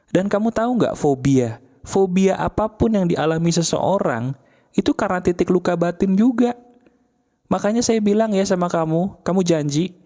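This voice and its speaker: A motivational speaker giving a self-help talk in an earnest, casual way. The speaker keeps asking the listener direct questions and turns softer and slower when guiding a quiet reflection. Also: mid-range voice. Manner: casual colloquial phrasing with frequent "nah" and "loh".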